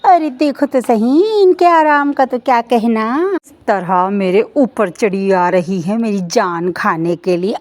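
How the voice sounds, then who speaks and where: A woman voicing a harsh, taunting mother-in-law who shouts at her daughters-in-law in an animated story. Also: mid-range voice.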